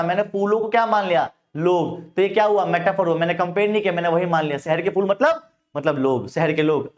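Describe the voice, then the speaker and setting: A man with an Indian accent teaching English poetry in a Hindi-English mix, asking questions and answering them himself. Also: sits high. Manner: calls students "bhaiya". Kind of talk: Hinglish exam-prep lecture.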